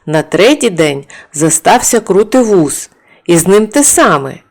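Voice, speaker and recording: A woman narrating a folk fairy tale for an audiobook with expressive storytelling. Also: lowish voice, a little slow.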